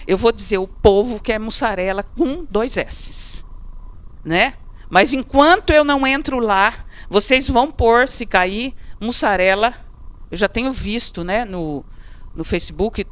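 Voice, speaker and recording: A middle-aged woman with a Brazilian accent giving a lively lecture, chatty and quizzing her class as she goes. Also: fairly high pitch, unhurried. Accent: Brazilian Portuguese. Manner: chatty, asks the class questions, acts out students. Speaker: teacher.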